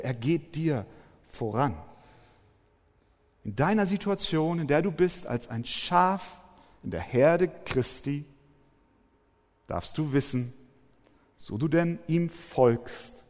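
A man preaching a sermon, emphatic, with forceful rising peaks. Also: mid-range voice. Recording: long hall reverb.

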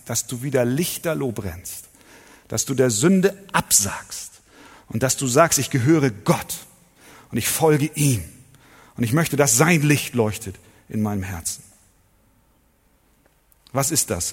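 A man preaching a sermon to his congregation, emphatic, asking rhetorical questions and swinging between loud and soft. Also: mid-range voice, slightly rough. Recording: long hall reverb.

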